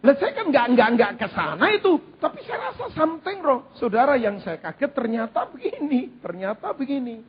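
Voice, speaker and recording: A man preaching a sermon in an animated, humorous way, with repeated phrases. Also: extremely high pitch, moderate pace, few pauses, a little hiss or hum. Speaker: pastor. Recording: dull lo-fi church recording.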